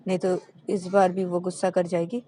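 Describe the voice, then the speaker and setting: A woman's voice: on the low side, little pitch movement, normal speed, warm tone, slight background noise, lightly acted. A woman voicing a naive young woman in a told love story, stammering and repeating her words. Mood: calm. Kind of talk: storybook voice acting.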